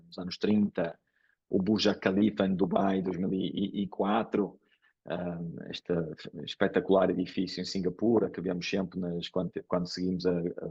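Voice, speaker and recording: An engineering professor with a deep, creaky, slightly rough and somewhat mellow voice gives a hesitant conference talk in Portuguese, full of fillers and restarts. His Italian accent carries traces of English and Porto, and the lecture hall recording is dull and lo-fi.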